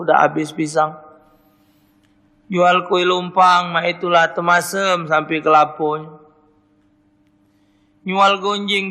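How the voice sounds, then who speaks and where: A man's voice: sits high, bright, forceful tone, big-room sound. A man with a Palembang Malay accent, a radio preacher answering listeners' questions and telling folksy stories in local dialect. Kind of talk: radio religious Q&A and storytelling. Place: radio studio.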